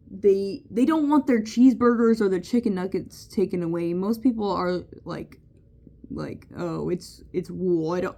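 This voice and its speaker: A woman's voice: medium pitch, warm tone. A young woman vlogger reading a website's answers aloud and adding blunt, mocking comments, with many fillers.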